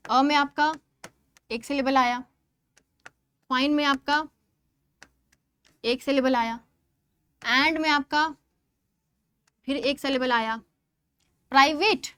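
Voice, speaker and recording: High-voiced Indian woman teaching an exam lesson. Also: fairly bright tone, no room sound. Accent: Indian English. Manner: switches between English and Hindi, reads English quotes slowly and deliberately.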